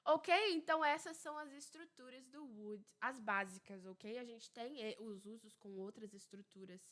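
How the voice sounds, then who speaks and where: A woman's voice: on the high side, a bit bright. Chatty young woman teaching English. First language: Portuguese. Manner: chatty, repeats example words slowly, many fillers. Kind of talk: casual explanatory lesson.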